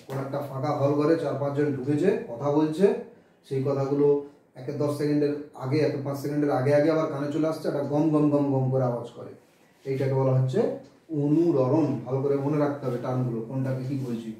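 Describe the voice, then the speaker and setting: A man's voice: mid-range voice, steady tone, fast talker, mellow, far from the mic. A man teaching a physics lesson, explaining step by step and working sums aloud. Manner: explains step by step, works sums aloud, mixes in English terms. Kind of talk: classroom physics lecture. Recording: very echoey room, voice away from the mic.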